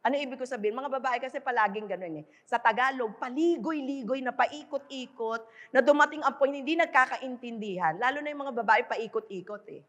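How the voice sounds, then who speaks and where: In a large conference hall with long reverb, a middle-aged Filipino woman pastor delivers a conversational sermon. Her high, fairly bright voice moves briskly as she alternates between Tagalog and English, frequently asking the crowd "di ba?" to check in.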